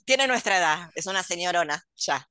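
A woman's voice: lowish voice, lively intonation, normal speed, noisy background. A middle-aged Argentine woman in casual chat, gossipy and ironic, often trailing off into asides. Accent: Argentine Rioplatense Spanish. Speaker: podcast co-host.

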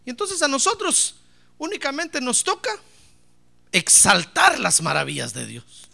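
High-pitched pastor guy preaching, gravelly bright voice, gets the church to shout back and cracks little jokes. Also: wildly swooping pitch, a little slow. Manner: emphatic preaching with call-and-response and joking asides. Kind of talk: sermon.

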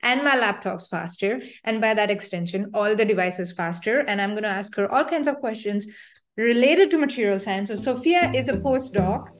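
Bubbly woman podcast host. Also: fairly high pitch. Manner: bubbly, playful, self-deprecating. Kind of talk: casual interview chat.

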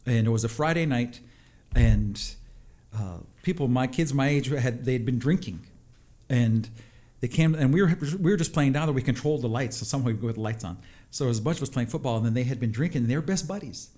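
Middle-aged male, mid-pitched, halting and reflective conversational storyteller. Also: dark tone. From a North American reservation. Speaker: interview guest, psychologist and musician. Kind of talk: casual personal storytelling.

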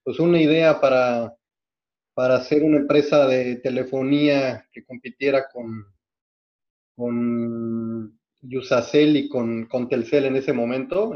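Mexican man, mid-pitched, steady and methodical, frequent restarts, dull lo-fi sound; podcast guest. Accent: Mexican Spanish. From Mexico City. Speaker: guest, hospital executive. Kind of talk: podcast interview, recounting career.

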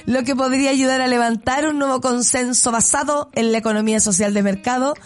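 A woman's voice: high-pitched, fairly even intonation, fairly quick. Sarcastic Chilean woman radio host. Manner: sarcastic, laughs often, blunt. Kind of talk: casual opinionated radio commentary.

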